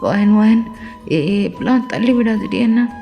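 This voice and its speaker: A woman's voice: fairly high pitch, moderate pace, warm tone, faint music behind, natural voice. Woman voicing a weeping, pleading young husband. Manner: tearful begging. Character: young husband, remorseful, pleading, hot-tempered.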